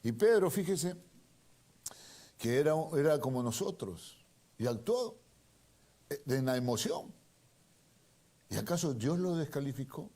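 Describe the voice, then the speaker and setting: Emphatic Spanish-speaking preacher, mid-pitched man. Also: very animated. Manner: emphatic and repetitive, swinging from hushed asides to loud stressed lines; reads the Bible aloud slowly and dramatically. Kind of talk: sermon with scripture reading.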